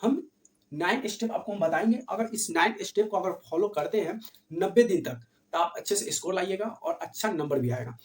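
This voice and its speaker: A man's voice: high-pitched, expressive, a little fast. Male teacher, echoey distant camera sound. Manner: repeats key points as rhetorical questions to students. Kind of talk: classroom-style exam revision lesson. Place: room with camera set back from the speaker. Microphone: distant camera mic. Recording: echoey room, voice from afar.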